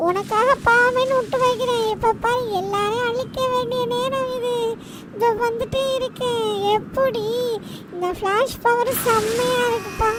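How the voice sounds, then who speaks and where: Brief: a boastful possessed cartoon boy, very high and squeaky, distant in loud game noise. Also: steady tone, moderate pace. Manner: boastful, threatening, shouting at others. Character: small cartoon boy's body ruled by an evil power, boastful.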